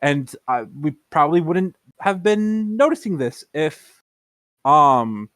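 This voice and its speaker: This is a man with a high-pitched voice, recorded dry and close. He speaks earnestly in a casual podcast chat and often repeats a word before pushing his point forward. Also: expressive, slow pace, fairly bright tone, dry recording. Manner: earnest, repeats words while building a point. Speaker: podcast co-host.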